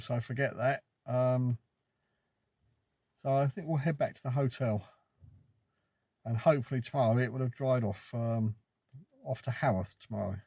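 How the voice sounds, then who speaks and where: A man with a medium-pitched, dark-toned voice narrates his holiday sightseeing off the cuff, casual and matter-of-fact, on a handheld phone. The recording is dry, though clear ambient noise and sometimes rain can be heard.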